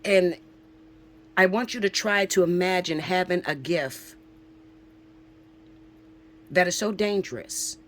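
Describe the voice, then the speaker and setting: A woman's voice: lowish voice, slow pace, long pauses, a little hiss or hum. Emphatic forty-year-old woman spiritual reader. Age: 40s. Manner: emphatic, preachy, swears, keeps asking "okay?". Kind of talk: casual spiritual vlog talk.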